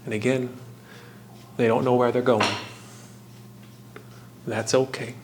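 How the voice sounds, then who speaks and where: A man with a mid-pitched, level-toned voice hosts a hobby craft video, explaining the steps informally. His narration comes in short, halting phrases sprinkled with jokes and fun facts, with clear ambient noise in the background.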